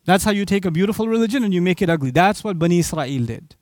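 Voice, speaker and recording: A man with a high voice preaching a fervent sermon, turning to the listeners with pointed questions. The sound is dry and close, with no room echo. He is originally from Pakistan. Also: expressive, quick pace, a little mellow. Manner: impassioned, asks the audience rhetorical questions. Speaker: Islamic preacher. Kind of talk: sermon lecture to an audience.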